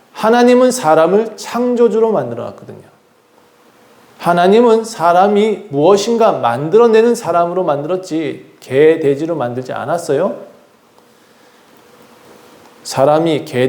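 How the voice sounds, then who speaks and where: Male pastor, fairly high voice, earnest sermon delivery in a reverberant church. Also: a little mellow. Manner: earnest preaching, acts out quoted voices. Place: church sanctuary.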